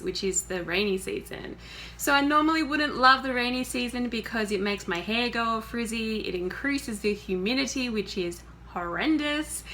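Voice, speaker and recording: A woman chatting casually in a vlog from her apartment and balcony, with fillers and soft laughs. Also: medium pitch. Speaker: vlogger. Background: music.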